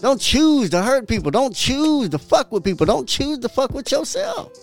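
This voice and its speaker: A man's voice: very high-pitched, normal speed, creaky, soft background music. A man hosting a podcast, giving a profane, emphatic motivational talk that repeats its points and breaks into laughter. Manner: profane, emphatic, repetitive preaching; animated, laughs often. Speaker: podcast host.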